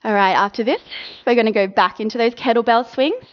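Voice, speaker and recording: A woman fitness instructor cueing a workout, coaching with brisk encouragement and counting down the reps. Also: fairly high pitch, dull audio.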